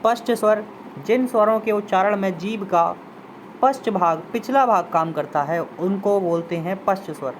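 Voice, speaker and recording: A man's voice: high voice, moderate pace, a little hiss or hum, low-quality recording. A man teaching a Hindi grammar lesson, repeating terms and sounding out example vowels while inviting students to try them. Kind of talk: classroom lesson explanation.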